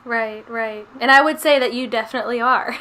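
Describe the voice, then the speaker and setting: High-voiced woman hosting an interview. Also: a loud crowd. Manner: warm backchannels and quick affirmations, laughs along. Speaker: interview host. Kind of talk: casual interview.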